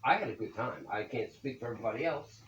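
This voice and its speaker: A man in his seventies, an accountant and business owner, answers interview questions about his business in a folksy manner, often capping points with "okay?". His medium-pitched, fairly bright voice is fast with lively intonation, recorded from a distant mic with roomy echo and faint hiss.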